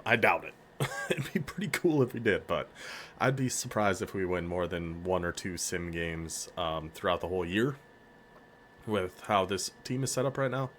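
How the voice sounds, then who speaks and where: Low-voiced excitable man commentating a game. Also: slight background noise. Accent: American northern. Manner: excitable, hypes up players, laughs often. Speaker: gaming YouTuber.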